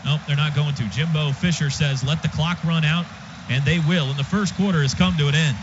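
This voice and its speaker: Fairly quick and steady in tone, this higher-voiced announcer runs through football action in terse live radio commentary from the stadium booth. The sound is muffled like a radio broadcast, with the crowd and stadium clearly audible.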